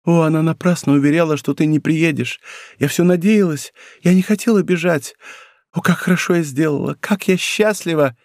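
A man's voice: a little high, normal speed, darkish tone, dry recording, studio quality, lightly acted. A man voicing a frail, loving young woman who is dying, in an audiobook, with a pleading, breathless delivery. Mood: joyful. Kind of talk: audiobook role reading.

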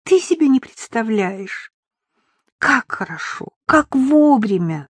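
Woman reader as a tearful young woman in an audiobook, emotional and lively, dry close sound. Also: on the high side, takes it slowly, breathy edge, dry recording, voice pushed up, heavily acted. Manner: emotional, on the verge of tears. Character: tearful young woman leaving her husband.

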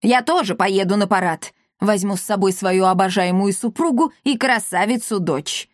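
A woman's voice: medium pitch, normal speed, no room sound, studio quality, natural voice. A woman reading a story aloud, voicing a pompous, touchy old man who is the village elder and whines and takes offence. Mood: aggrieved. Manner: indignant, whining, aggrieved.

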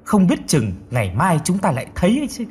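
A man voicing a gruff old grandfather who curtly scolds his wife. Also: sits high, wildly swooping pitch, quick pace, a little mellow, pitched above the performer's own voice, full character voice. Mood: scolding. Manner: curt, scolding.

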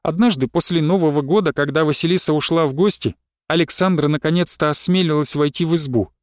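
A man calmly narrating a story as an audiobook reader. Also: fairly high pitch, no room sound, studio quality. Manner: calm, measured storytelling. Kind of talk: audiobook reading.

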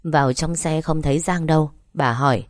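Woman narrating a story, low voice. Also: steady tone, normal speed, no room sound, studio quality. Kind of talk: scripted narration.

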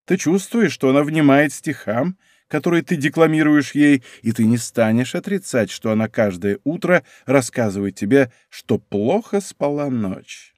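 Audiobook role: male reader doing a sneering young courtier, hot-headed, voice pushed up and loud, dry close sound. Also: medium pitch, moderate pace, no echo, close to an everyday voice. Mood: sly. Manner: raised, heated, taunting delivery. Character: hot-tempered young nobleman, scheming and sneering. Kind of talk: audiobook character voice.

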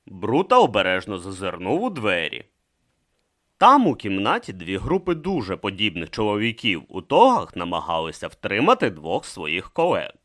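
A man narrating a comic fantasy novel as an audiobook, expressive and animated. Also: on the low side, moderate pace.

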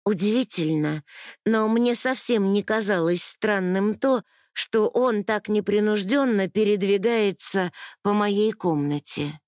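A woman reads a novel aloud in first person, unhurried and even. Her voice sits in a middle range and the recording is dry and close. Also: mid-range voice, no room sound. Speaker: audiobook narrator.

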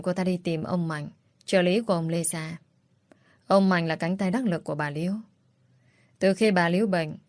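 A woman reads a story aloud in a steady, even storytelling manner. Her voice sits low for a woman. The sound is dry and close. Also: no room sound. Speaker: narrator. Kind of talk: read-aloud story narration.

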